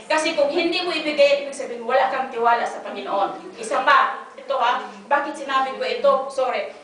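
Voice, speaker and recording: A woman from the Philippines giving an inspirational church talk, telling her story with lively acted-out dialogue and bits of English. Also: sits high, fairly quick. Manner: animated storytelling, acts out dialogue, mixes in English. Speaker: guest speaker giving a testimony. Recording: echoey hall, distant mic, faint noise.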